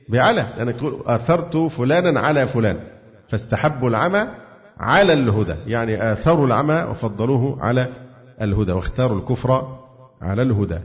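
Egyptian man teaching, echoey dull recording. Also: mid-range voice. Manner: asks rhetorical questions and answers them himself. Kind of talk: religious exegesis lesson.

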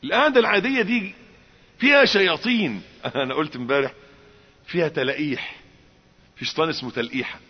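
A man preaching a sermon in colloquial Egyptian Arabic, animated, rising to emphatic exclamations and acting out little dialogues. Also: fairly high pitch, quick pace, pauses often, slightly rough. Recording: muffled reverberant hall recording.

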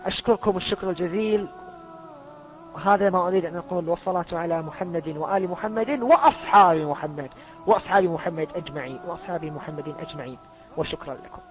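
A man's voice: sits high, fast, faint music behind. A man making an earnest spoken declaration, repeating oaths and restarting words. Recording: muffled lo-fi audio.

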